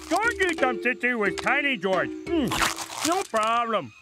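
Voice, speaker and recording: A man's voice: very high voice, very animated, a little slow, exaggerated voice. An actor playing a friendly, dim-witted jungle strongman in a cartoon, talking enthusiastically in simple broken grammar. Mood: happy, dopey. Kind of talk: exaggerated cartoon voice acting. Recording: loud music underneath.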